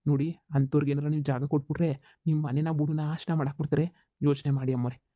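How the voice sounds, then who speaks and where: A tattling village farm servant from a cartoon comedy, voiced by a man. He talks very fast in a flat, high-set voice. The sound is thin and tinny, like a phone line. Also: no room sound, close to an everyday voice. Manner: deferential, tattling, rapid.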